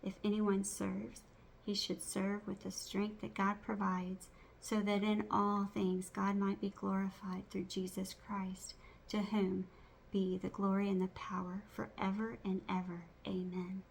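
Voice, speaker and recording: Creaky-voiced woman reciting scripture by rote. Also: medium pitch, flat delivery, a little hiss or hum, rough recording. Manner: reciting by rote, measured phrase by phrase.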